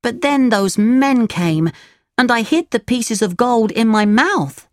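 A woman doing a high-voiced puppet boy. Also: lively intonation, takes it slowly, dry recording. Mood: earnest. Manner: high pleading childlike voice. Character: young wooden puppet boy, naughty and fibbing.

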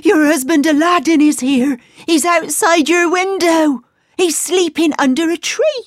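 A woman voicing an excited female palace servant in a storybook reading, calling out loudly. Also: very high-pitched, measured pace, no room sound, studio quality, pitched above the performer's own voice.

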